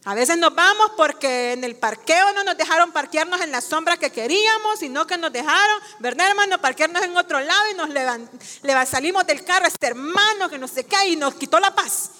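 A woman's voice: very high-pitched, lively intonation, fairly quick, sharp tone. A woman preaching as a guest speaker in a church, asking the congregation rhetorical questions and calling them brothers. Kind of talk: sermon. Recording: long church-hall reverb.

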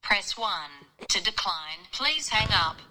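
A woman's voice: mid-range voice, expressive, takes it slowly, a crowd in the background. A woman putting on a recorded collect-call operator, played back over a phone like a payphone announcement. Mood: formal. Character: female automated prison collect-call operator. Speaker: podcast co-host.

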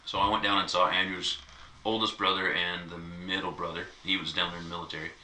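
Deep-voiced man telling a rambling story. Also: little pitch movement, fast, pushed and bright. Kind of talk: casual chat. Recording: echoey room, mic at a distance, faint noise.

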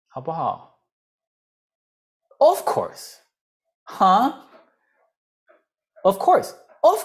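Brief: Taiwanese-accented woman teacher, lowish pitch, animated lecture with drilled repetitions. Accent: Taiwanese Mandarin. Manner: animated, repeats drills and rhetorical questions, mixes in English phrases. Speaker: English teacher. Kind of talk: lively lecture.

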